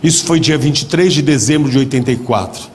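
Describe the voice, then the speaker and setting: A man's voice: mid-range voice, brisk, slight background noise. A man preaching a dramatic testimony at a church convention, acting out the voices in his story. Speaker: pastor. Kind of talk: sermon testimony.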